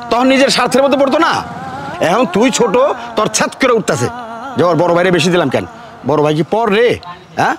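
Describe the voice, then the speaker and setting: Man acting as a stern village father, scolding, preachy, quick speech, faint street noise. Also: high voice. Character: stern older village father lecturing his sons. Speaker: father of three sons. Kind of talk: short film acting.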